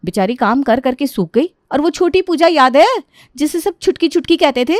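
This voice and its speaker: Woman doing defiant chatty young woman, high lively voice, dry. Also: moderate pace, dry recording. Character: stubborn young woman, picky about in-laws.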